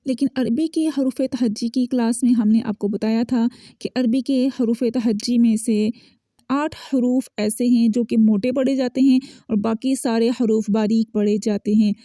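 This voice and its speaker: A woman teaching Quran recitation online, explaining sounds and slowly repeating example words for her students. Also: on the high side, fairly even intonation, dark tone, dry recording. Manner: patient, repeats words slowly and drills them. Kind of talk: online lesson, explaining and modeling pronunciation.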